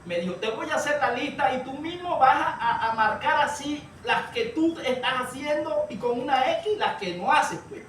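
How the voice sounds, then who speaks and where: A man preaching a sermon, telling a story and addressing listeners as brother, sometimes rising to a shout. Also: very high-pitched, expressive, moderate pace, few pauses. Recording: echoey room, far from the mic, light noise.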